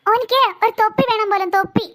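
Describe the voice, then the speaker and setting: Patient young cartoon mom smoothing things over, malabar accent, squeaky high, voiced by an actor. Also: fairly even intonation, quick pace, a bit bright. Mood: placating. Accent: Malabar Malayalam. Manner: soothing, placating. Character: patient young mother calming her son.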